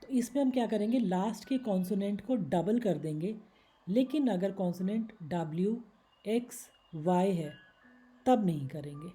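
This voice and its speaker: Very bright-voiced woman teaching grammar. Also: medium pitch, expressive, normal speed. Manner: patient, explains step by step with examples. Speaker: English teacher. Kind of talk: slide-based Hindi grammar lesson.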